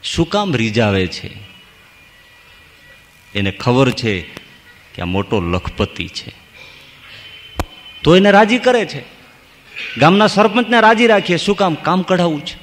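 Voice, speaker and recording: A man's voice: fairly high pitch, big pitch swings, measured pace, pauses often, a bit bright, a little hiss or hum. A man, a monk giving a devotional sermon, telling folk stories and reciting verses. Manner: storytelling with folk verses and acted asides. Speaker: monk preacher. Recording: long hall reverb.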